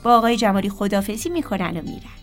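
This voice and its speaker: A woman narrating a children's story in a lively way, talking straight to the kids. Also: medium pitch, soft background music. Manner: lively, addresses children directly.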